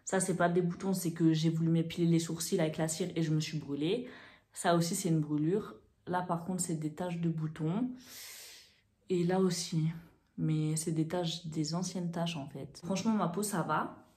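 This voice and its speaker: A woman's voice: on the low side, moderate pace. Chatty young woman vlogger, echoey room. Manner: chatty, animated, with fillers. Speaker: beauty vlogger. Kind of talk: casual to-camera storytelling.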